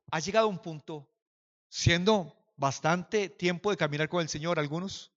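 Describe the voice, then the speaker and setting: A man preaching a sermon to a congregation as pastor, swinging from quiet speech to impassioned shouting and calling on listeners to repeat after him and raise their hands. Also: fairly high pitch, in a large hall, highs cut off. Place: church hall.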